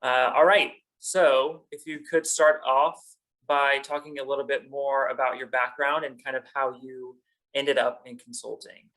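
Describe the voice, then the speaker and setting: A man's voice: medium pitch, level tone, unhurried, a bit bright, poor audio. A man working as a career counselor, hosting a webinar in an upbeat, organized way over a video call.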